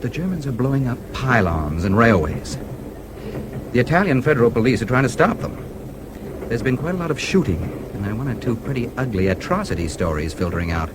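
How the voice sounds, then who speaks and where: Here a man speaks in a sing-song, brisk, lightly acted mid-range voice, playing a confident and genial American newspaperman with an American accent in a radio drama. He sounds explanatory, breezy, and self-assured, with clear background noise in the recording.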